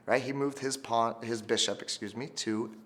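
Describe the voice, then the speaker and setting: A man's voice: medium pitch, steady tone, normal speed, a bit bright. A man teaching chess through a story, with call-and-response cues for kids. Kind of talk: instructional video for teachers.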